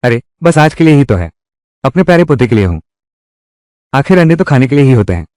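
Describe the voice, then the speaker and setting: A man's voice: mid-range voice, big pitch swings, a little fast, a little mellow, clear, resonant tone, dry recording, studio quality, natural voice. A man voicing a doting elderly grandmother who fusses tenderly over her hungry grandson in dubbed drama dialogue.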